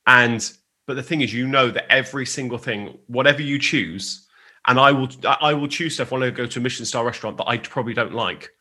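A man's voice: medium pitch, a little fast, pushed and bright, slightly rough. A man co-hosting a casual podcast chat, rambling through stories with many restarts and asides. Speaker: podcast co-host on church leadership.

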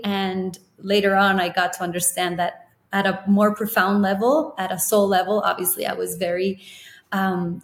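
A young woman from Ecuador, a podcast guest, telling her story in a warm, reflective, often laughing way. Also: medium pitch. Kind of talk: casual interview chat. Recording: roomy echo.

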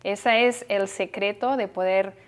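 A woman's voice: mid-range voice, steady tone, a little slow, a little hiss or hum. A woman from Spain with a Spanish accent, co-hosting a television talk show in an earnest, motivational way. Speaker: co-host.

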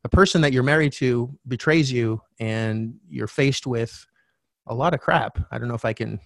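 A man's voice: mid-range voice, moderate pace, vocal fry, dry recording, studio quality. Frank middle-aged man telling his story. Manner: frank, animated storyteller who swears casually. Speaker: podcast guest, real estate coach. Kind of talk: candid storytelling.

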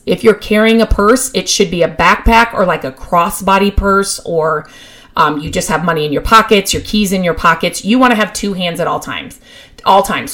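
A woman hosting a podcast, giving casual, practical advice in a chatty way, with many fillers and restarts, and getting excited about her topic. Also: mid-range voice. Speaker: podcast host.

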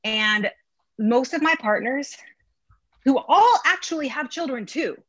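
A woman's voice: high-pitched, expressive, measured pace, a bit bright, dry recording. A woman in her thirties, a doctor, telling a frustrating story in a rambling, exasperated way with many restarts. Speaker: coaching client, physician. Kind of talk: emotional casual storytelling.

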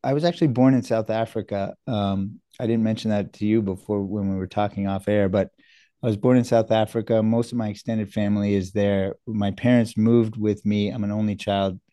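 A middle-aged man from New York talks as a guest in a casual interview, earnest and a little self-deprecating. His voice sits low and warm. The recording is close and dry, with little room sound. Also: steady tone, a little fast, dry recording. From New York, USA. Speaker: guest surgeon.

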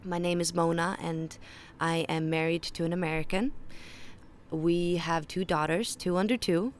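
On a balcony outside her home, with birds and far-off ships audible and slight background noise, a young native Faroese speaker with a Faroese accent hosts a podcast. Her lowish, steady voice moves at a moderate pace through an earnest, conversational monologue with frequent small restarts.

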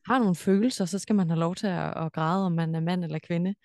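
A woman's voice: on the low side, a little mellow, no echo, clean studio sound. A Danish woman hosting a podcast, asking her questions in a thoughtful, curious and somewhat hesitant way. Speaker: podcast host. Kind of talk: interview conversation.

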